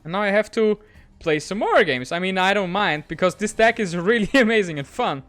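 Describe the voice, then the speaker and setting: A man hosting a gaming channel, giving excitable, quick, self-mocking commentary on a digital card game match. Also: sits high, faint music behind. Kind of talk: gameplay commentary.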